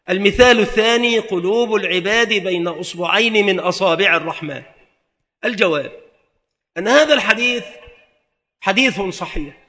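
A man's voice: high voice, pushed and bright, big-room sound. A man giving a methodical classroom lesson on a religious text, spelling out word variants one by one. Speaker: religious teacher.

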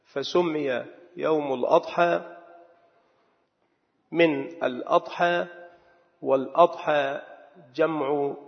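A man preaching a sermon with a raised, gravelly voice and a measured, dictating delivery. His voice rings through a long hall echo, and the sound is dull and muffled. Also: fairly high pitch, steady tone. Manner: measured, dictating slowly with repeated words for note-taking.

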